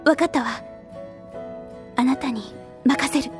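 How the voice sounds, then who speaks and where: A woman playing an earnest, caring young heroine in a Japanese sci-fi game, with an expressive, gentle delivery. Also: high voice, takes it slowly, over music. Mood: surprised, trusting.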